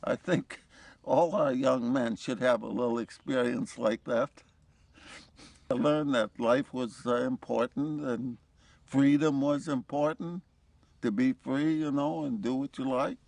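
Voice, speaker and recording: Slow, dry-voiced veteran in his nineties. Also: mid-range voice, gravelly, darkish tone, no room sound. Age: 90s. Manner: chuckling anecdotal storytelling. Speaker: war veteran interviewee. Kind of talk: recounting wartime memories.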